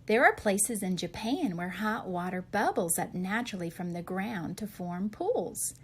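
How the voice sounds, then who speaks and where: Animated and a little slow, a medium-pitched, slightly husky woman reads a picture book aloud to young listeners, posing questions and answering them expressively. There's a little hiss or hum in the recording.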